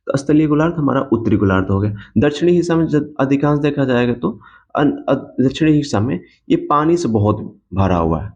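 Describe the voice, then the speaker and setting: A man's voice: medium pitch, a little mellow. Man teaching, dull recording. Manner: repeats key points, asks and answers own questions. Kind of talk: exam coaching lecture. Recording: dull lo-fi sound.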